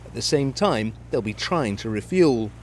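Man reading a measured news report. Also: mid-range voice, slight background noise. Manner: measured, even reporting delivery. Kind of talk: scripted news narration.

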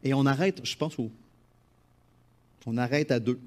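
Animated Quebec French pastor preaching. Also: male voice, mid-range voice, measured pace. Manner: animated, swings from loud emphasis to quiet asides. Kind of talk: sermon.

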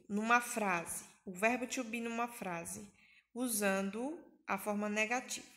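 A woman's voice: mid-range voice, bright, forceful tone. A woman from Brazil with a Bahia accent, teaching an English grammar lesson in Portuguese, patiently repeating and translating each example.

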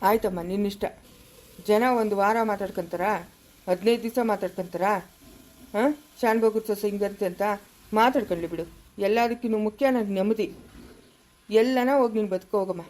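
A woman with a rural Chikkaballapura Kannada accent playing a calm family elder who firmly refuses money without a reason. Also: mid-range voice, brisk, pauses often, natural voice, rough recording. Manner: steady, reasoning, firm.

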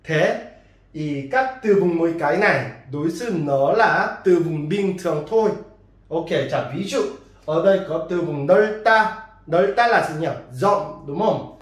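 A man's voice: fairly high pitch, lively intonation, normal speed, reverberant. A man with a Korean accent, a native Korean speaker teaching a language lesson, drilling words and asking his students questions. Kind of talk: classroom lesson.

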